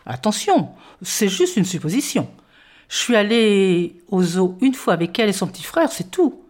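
A woman reading a children's story aloud in a playful, expressive way, narrating as a young boy in the first person. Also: mid-range voice, moderate pace.

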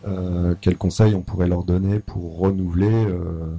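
A man's voice: deep voice, fairly even intonation, moderate pace, warm tone. A man interviewing a mayor, asking long, rambling questions full of fillers.

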